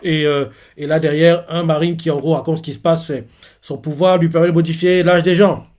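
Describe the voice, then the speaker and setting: A young man recapping and reacting live to a manga chapter, lively and laughing, with many hesitations as he narrates scenes. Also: on the high side, brisk.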